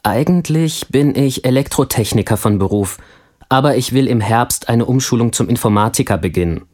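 A man playing a friendly young family man in a language course, answering interview questions in a scripted textbook dialogue with calm, clear speech. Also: mid-range voice, normal speed, close to an everyday voice. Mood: friendly, relaxed.

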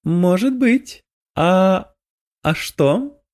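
Man doing a raised, lively voice for a wry young demon woman, audiobook. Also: high-pitched, extremely slow, pitched above the performer's own voice, heavily acted.

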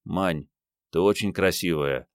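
Flustered aging boss, meek and sheepish, low and dry; the male narrator's own voice for an audiobook. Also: no echo. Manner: meek, pleading, slow. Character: sheepish older man, a flustered department boss.

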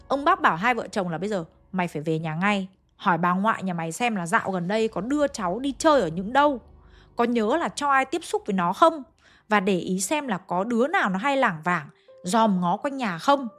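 A woman's voice: medium pitch, fairly bright tone. A woman telling a ghost story, speaking directly to her listeners in a chatty way.

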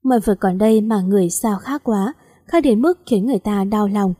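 A woman's voice: mid-range voice, brisk, dark tone. A woman narrating a story aloud and reading every character's part in one voice. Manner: reads all characters in one voice.

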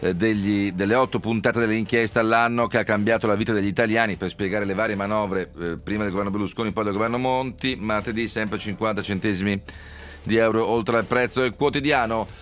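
A male radio host running a live economics show, reeling off stock market figures briskly with frequent fillers, in a studio. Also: on the low side, steady tone, fairly bright tone, soft background music. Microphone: studio mic.

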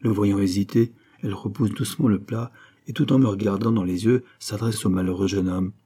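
Male narrator, low and husky, calm measured novel reading. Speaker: audiobook narrator. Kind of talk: scripted first-person novel narration.

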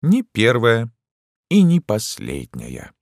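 For an audiobook, a man voices a small, fussy, grey-bearded old doctor who is petulant and absent-minded. He exaggerates the character, pitching above his own medium-pitched voice, speaking slowly with huge pitch swings. The sound is dry and clean, studio quality.

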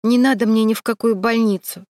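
A woman's voice: steady tone, a little fast, darkish tone, no echo, clean studio sound, close to an everyday voice. A woman voicing a young woman who has just been attacked, talking through sobs in a raised, strained voice. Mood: tearful. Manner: sobbing, high and strained. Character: tearful young woman, shaken after an attack.

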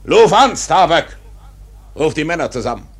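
Husky, obsessed old Captain Ahab. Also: male voice, on the high side, big pitch swings, normal speed. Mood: frantic. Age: older. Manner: declamatory, barking orders. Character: old, obsessed whaling captain, commanding and brooding. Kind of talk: theatrical radio drama acting.

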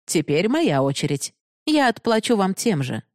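A woman's voice: medium pitch, sing-song, moderate pace, no echo, studio quality, pitched above the performer's own voice, natural voice. A woman voicing a stern, upright young man who lectures firmly and holds back his feelings. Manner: firm, lecturing.

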